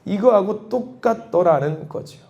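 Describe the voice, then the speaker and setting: A man preaching a sermon as a church pastor, telling a story and acting out the quoted voices with big swings of pitch. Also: expressive, a little slow, mellow, muffled recording. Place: church sanctuary.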